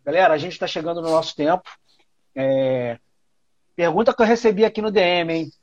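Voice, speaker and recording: A man's voice: a little high, fairly quick. A man with a Brazilian Portuguese accent hosting a casual live online interview in an informal, chatty, slangy way. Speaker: host of an online product management talk show. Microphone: video call. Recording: dull, lo-fi online call audio.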